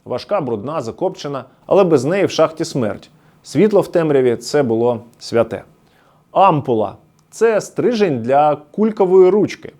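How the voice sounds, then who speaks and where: A man's voice: on the high side, very animated, normal speed, dark tone. A man from the Luhansk region giving scripted documentary narration, storytelling nostalgically as he explains words one by one. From Luhansk region, Ukraine.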